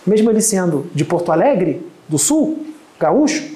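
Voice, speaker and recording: A medium from Rio de Janeiro, Brazil, speaking Portuguese with a Carioca accent, delivers an emphatic, lecturing spiritual talk that scorns his critics. His voice sits high and is mellow and very animated, though his pace is a little slow. The recording is rough, with an echoey room sound.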